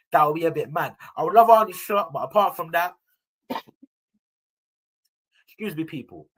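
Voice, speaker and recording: A man's voice: a little high, poor audio. A young man, a football podcast regular giving his opinions in casual, slangy banter. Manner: animated slangy banter, addressing listeners as people. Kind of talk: casual fan chat.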